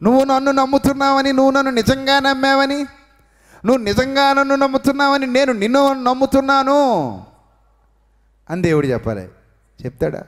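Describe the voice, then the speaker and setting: A male preacher delivering a sermon, swinging between raised, emphatic lines and hushed, quiet ones, and calling the congregation to repeat after him. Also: extremely high pitch, fast talker. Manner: leads the congregation to repeat phrases aloud. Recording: long reverberant hall sound.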